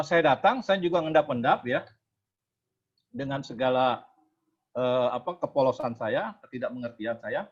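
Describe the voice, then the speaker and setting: A man with a husky, slightly higher voice tells a testimony sermon at a prayer meeting. He asks his listeners questions as he goes. The recording sounds dull and lo-fi. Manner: lively storyteller who asks the audience rhetorical questions.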